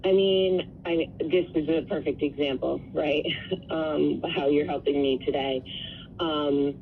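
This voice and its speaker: A woman's voice: low voice, fairly even intonation, measured pace, a little hiss or hum. Woman on a thin, tinny phone line. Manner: earnest, explanatory. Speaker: interview guest. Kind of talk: conversational radio interview. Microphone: telephone.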